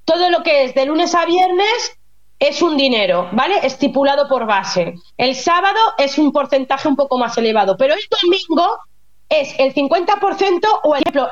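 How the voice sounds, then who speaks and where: Heard through a muffled, lo-fi remote connection that dulls her voice, a nurse based in Germany chats as a guest on a relaxed radio interview. Her voice is high and bright, and she explains things with lively, casual, talkative energy.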